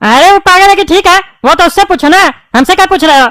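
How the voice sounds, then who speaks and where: A woman's voice: very high-pitched, quick pace, a bit bright, no room sound. A woman voicing a quarrelsome bald neighbourhood politician in a cartoon, scolding and mocking the others. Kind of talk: cartoon voice acting.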